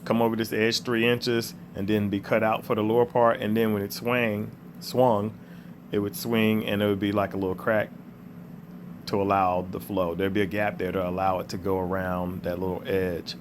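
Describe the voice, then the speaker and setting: A man's voice: fairly low pitch, flat delivery, moderate pace, a little hiss or hum. A man who sounds under the weather gives a casual, plain-spoken how-to voice-over, explaining each step directly to the viewer. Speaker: contractor giving an install tutorial.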